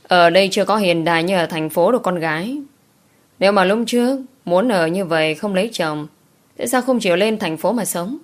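A woman's voice: fairly low pitch, fairly quick, close to an everyday voice. A woman voicing a stern middle-aged countryside mother who scolds her daughter firmly. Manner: firm, scolding.

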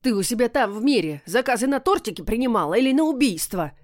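A woman's voice: sing-song, quick pace, dry recording, studio quality. A woman voicing a rude, grumpy male talking cat that screeches and snaps in an audiobook. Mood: indignant screech. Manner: shrill, screeching and snappish. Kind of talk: audiobook character voice.

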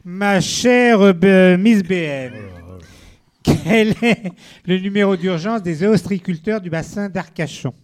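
A man's voice: high voice, takes it slowly. A man on a comedy podcast reading out riddles, hesitant and tripping over his set-ups. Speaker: podcast co-host. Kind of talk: casual joke-telling chat.

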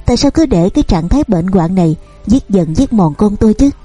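A woman's voice: mid-range voice, expressive, a little fast, warm tone, slightly rough, no room sound, faint music behind. A woman reading the part of a stern, grieving older mother who scolds and pleads insistently. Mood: scolding.

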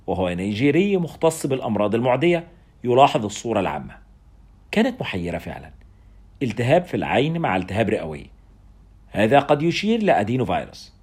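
Male narrator, husky, animated, dramatic first-person storytelling. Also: medium pitch. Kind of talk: audiobook narration.

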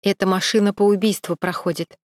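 A woman's voice: medium pitch, steady tone, brisk, a little mellow, no room sound, clean studio sound, close to an everyday voice. A woman voicing a stern middle-aged police captain who questions coldly and with irony. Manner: cold, pressing, ironic.

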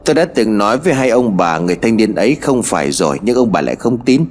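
A man voicing a stern village sorcerer who speaks in a slow, grave and knowing way, in a spoken horror story. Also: lowish voice, big pitch swings, faint music behind.

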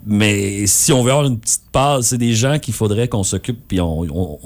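A man's voice: lowish voice, normal speed, a little mellow. A man with a colloquial Québécois French accent gives his opinions in casual chat, informal, slangy and blunt.

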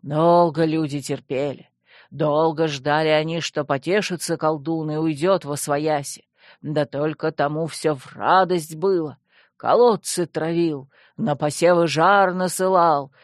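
A woman voicing a fawning, solemn male skeleton servant, in a lowered, slow voice for an audiobook. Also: no echo, studio quality.

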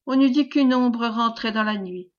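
A woman reading a novel aloud as audiobook narrator, in measured, even storytelling. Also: on the high side, dull audio. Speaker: audiobook reader.

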